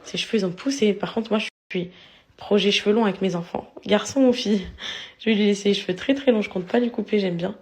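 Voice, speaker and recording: A woman's voice: medium pitch, fast, darkish tone. A young woman filming a casual vlog at home on her phone, chatting to her followers and cooing at her children. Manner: chatty, switches into sing-song baby talk. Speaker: influencer filming her daily story. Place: home, indoors.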